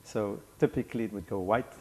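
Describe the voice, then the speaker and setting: A man, a doctor guest on a studio talk show, explaining in a measured way. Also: lowish voice, dark tone, slightly rough.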